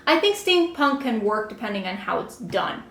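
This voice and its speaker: A woman co-hosting a casual podcast chat, frank and opinionated, quick to chime in. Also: a little high, sing-song, fairly bright tone. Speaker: podcast co-host. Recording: roomy echo.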